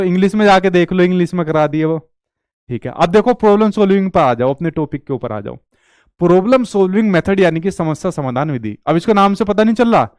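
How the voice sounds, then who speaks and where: Male tutor, lecture delivery, quizzes and answers himself, clear resonant voice, slightly high. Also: darkish tone, no echo, studio quality. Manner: repeats questions to the class and answers them himself. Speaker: teacher. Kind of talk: online exam-prep lecture.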